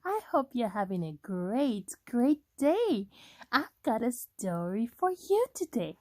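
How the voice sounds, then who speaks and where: Slow sing-song storybook reader, woman. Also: on the high side, sing-song, mellow, no room sound, clean studio sound. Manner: slow, sing-song, talks directly to a child. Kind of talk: children's read-aloud.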